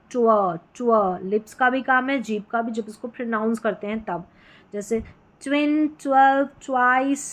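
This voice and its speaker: धैर्य से शब्द दोहराती अंग्रेज़ी शिक्षिका. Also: female voice, fairly high pitch. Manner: patient, repeats each word slowly and checks with questions. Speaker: English teacher. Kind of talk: phonics lesson explaining spelling sounds.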